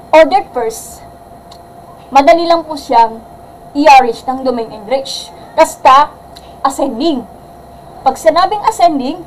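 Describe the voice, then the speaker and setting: Lady math teacher on a live stream, high loud voice that comes off kinda angry, faint hiss behind. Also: poor audio. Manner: mixes English terms into Filipino, asks "gets?". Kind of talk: live-streamed algebra lesson.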